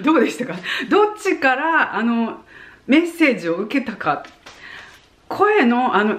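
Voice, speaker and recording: A woman in her forties from Japan giving friendly advice to her viewers in a casual, chatty way, full of soft fillers and asides. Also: a little high. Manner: animated, demonstrating points with voice tone. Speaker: vlogger. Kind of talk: casual advice talk to camera.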